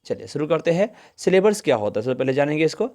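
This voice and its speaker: A man teaching a grammar lesson, who keeps asking questions and answering them himself and stretches words out slowly to sound out their syllables. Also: fairly high pitch, sing-song, a little mellow.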